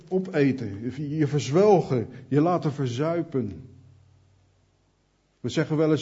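A man's voice: mid-range voice, mellow, husky, dull audio. A man preaching an earnest sermon, speaking directly to his listeners.

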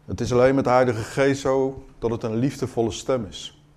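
A man preaching a sermon in an earnest, questioning way, moving between quiet moments and emphatic ones. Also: mid-range voice, steady tone, a little fast.

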